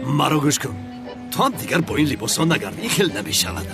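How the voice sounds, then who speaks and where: A man's voice: on the high side, very animated, gravelly. A man dubbing a film character who argues and pleads to protect a friend, over music. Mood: pleading.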